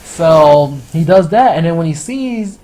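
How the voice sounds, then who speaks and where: A man's voice: on the high side, animated, a little slow, dark tone. Rambling, profane young-sounding man reviewer. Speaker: anime and manga reviewer. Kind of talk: casual review chat.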